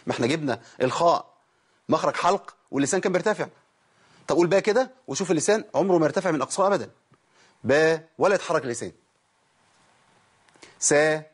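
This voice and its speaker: An Egyptian Arabic-accented man leads a broadcast recitation lesson, worn out but talking quickly. His voice is husky and sits a little high, and he breaks his explanations down step by step, demonstrating sounds and quizzing his listeners. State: tired. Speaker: Quran recitation teacher. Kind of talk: televised tajweed lesson.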